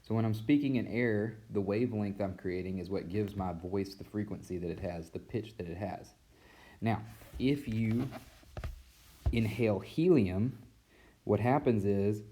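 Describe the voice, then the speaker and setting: A physics teacher with a deep, dark, mellow voice talks through a casual recorded mini-lesson, rambling in a relaxed way and filling pauses with "uh" and "like." The audio sounds like it came from a tablet's built-in mic.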